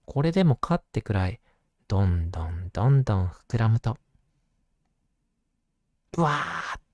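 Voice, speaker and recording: A man narrating a children's picture book at bedtime in a gentle storytelling manner, as if soothing a child. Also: on the low side, very animated, a little fast, dry recording.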